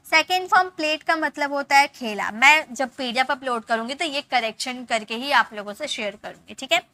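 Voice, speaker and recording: Bright, high-voiced woman teaching English grammar. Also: no echo. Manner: explains step by step, checking in with "ठीक है" and "okay"; reads English example sentences slowly and deliberately. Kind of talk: Hindi-language English grammar lesson.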